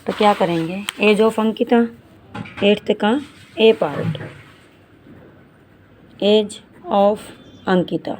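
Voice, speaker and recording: Slow, patient woman teaching maths. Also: mid-range voice, darkish tone, slight background noise. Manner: reads English word problems slowly, then explains in Hindi; addresses students as beta. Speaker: math teacher. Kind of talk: slow step-by-step maths lesson.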